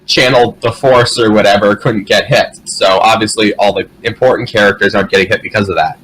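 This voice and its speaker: A man's voice: fairly low pitch, steady tone, a little fast, a bit bright, slightly rough, poor audio. A man chatting casually as a podcast co-host, in a rambling, sweary way. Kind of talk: casual chat about games and anime.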